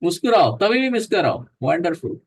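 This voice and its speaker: A man's voice: high voice, sing-song, a little fast, slightly rough. A man leading a guided breathing yoga class, counting breaths aloud, mixing Hindi and English, joking and encouraging.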